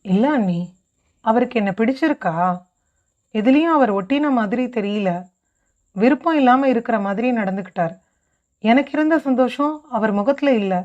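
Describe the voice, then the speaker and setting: A woman's voice: a little high, expressive, moderate pace, long pauses, a little mellow, lightly acted. Woman voicing an anxious young bride. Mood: worried. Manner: worried, hesitant. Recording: dull lo-fi recording.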